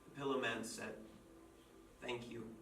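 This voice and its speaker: An actor playing a writer who tells a dark fairy tale aloud in a measured, deliberate way, in a stage play. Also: male voice, medium pitch, flat delivery, creaky, background noise. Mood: somber storytelling. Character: grim storyteller telling a dark fairy tale. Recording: echoey stage from far off, with music.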